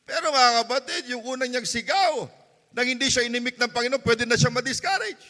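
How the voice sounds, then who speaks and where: A Filipino-accented male pastor preaches with fervour, his voice pitched unusually high and ringing very bright. He drops to hushed tones and then surges into shouting. The sound trails off in the long reverb of a church hall. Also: lively intonation, a little fast. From Philippines. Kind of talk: sermon.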